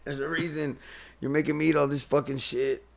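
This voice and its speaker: Gravelly-voiced joking man. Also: a little high, fairly even intonation, a little fast. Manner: laughs often, profane, jokey. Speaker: podcast host. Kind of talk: casual chat.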